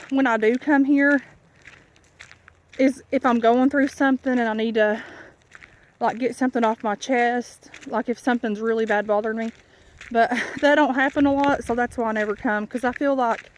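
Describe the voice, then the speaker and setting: A woman chatting casually and candidly in a rambling, folksy way while recording a walking vlog on a country dirt road. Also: on the high side. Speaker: vlogger. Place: outdoors on a rural dirt road. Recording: noisy outdoor country recording. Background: clear outdoor noise.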